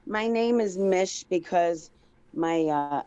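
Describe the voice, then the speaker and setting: A woman's voice: fairly low pitch, animated, slow pace, over a noisy crowd. A woman calling in on speakerphone as a guest, chatting eagerly in long, rambling runs of clauses. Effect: speakerphone call. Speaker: phone-in guest. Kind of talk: casual chat. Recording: dull lo-fi speakerphone line.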